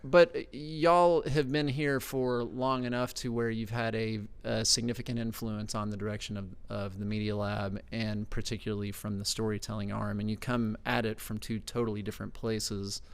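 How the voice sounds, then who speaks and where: A man's voice: fairly low pitch, level tone, moderate pace, few pauses, clear, resonant tone. A man hosting a podcast interview, loose and joking, with a self-mocking manner. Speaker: podcast host. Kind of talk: casual interview chat.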